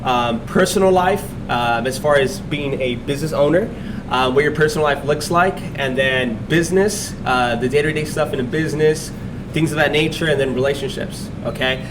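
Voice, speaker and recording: A man hosting a casual interview podcast in a restaurant, speaking in a relaxed way with many fillers and restarts. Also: on the high side, moderate pace, recorded from a distance, background noise. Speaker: podcast host. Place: restaurant dining room.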